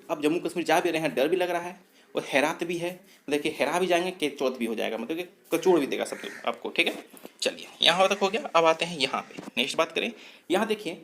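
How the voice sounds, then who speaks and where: A man with a somewhat high, slightly bright voice teaches an exam-prep lesson on memory tricks, with slight background noise. He explains step by step, repeats points, asks himself questions and answers them, and corrects his own slips.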